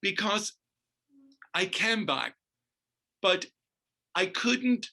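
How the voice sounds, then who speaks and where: Middle-aged guy from northern ireland, dance guy on an interview, keeps saying the host's name, bright forceful voice, kinda high. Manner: animated, emphatic storyteller who keeps addressing the host by name. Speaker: guest, dancer and choreographer. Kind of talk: storytelling interview.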